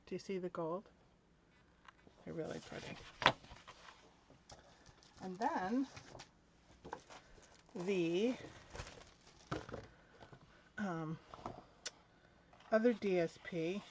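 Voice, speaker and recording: A middle-aged woman hosting a live craft product demo, chatty and a little out of breath, laughing between pauses. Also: lowish voice, background noise. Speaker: craft demonstrator. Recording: dull lo-fi live stream audio.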